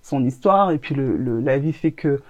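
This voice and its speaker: A woman's voice: a bass voice, animated, normal speed, no echo, dull audio. A woman who grew up in Congo, co-founder of a brand, answering interview questions in a reflective, earnest way. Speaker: co-founder of a natural products brand.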